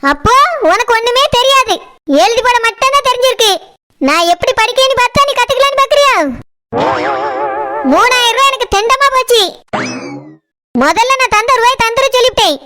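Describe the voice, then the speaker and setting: A woman's voice: very high-pitched, expressive, fairly quick, long pauses. A woman voicing a stubborn, quarrelsome shop owner in a cartoon, with a Kanyakumari Tamil accent. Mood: grumbling. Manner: grumbling, argumentative, mocking. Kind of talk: cartoon voice acting. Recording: loud background noise.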